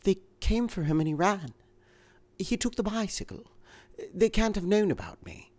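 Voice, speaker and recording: A man's voice: high voice, expressive, normal speed, darkish tone, voice pushed up. A man reading aloud voices an anxious, insistent woman in a spy thriller, with an urgent, pleading manner.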